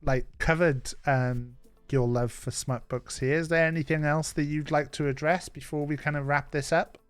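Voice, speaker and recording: A man's voice: on the high side, fairly even intonation, moderate pace, smooth, no echo, soft background music. A Welsh man hosting a live stream, chatting casually and teasing, rambling with fillers. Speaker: streamer host. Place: home streaming setup.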